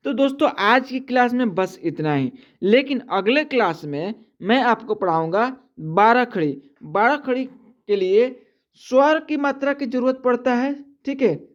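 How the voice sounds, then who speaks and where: A man teaching the alphabet slowly and patiently, checking in with the class after almost every line. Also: extremely high pitch. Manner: repeats "theek hai" constantly, patient step-by-step teaching. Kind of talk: slow classroom explanation. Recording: dull lo-fi sound.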